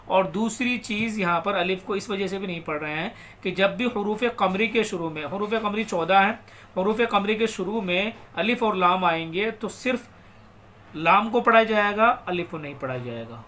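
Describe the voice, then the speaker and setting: A man teaching Quran recitation. He recites slowly and draws out words, then explains quickly and spells out letters and vowel marks. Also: sits high, sharp tone, a little hiss or hum. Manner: slow drawn-out recitation alternating with quick explanations. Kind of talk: step-by-step recitation lesson.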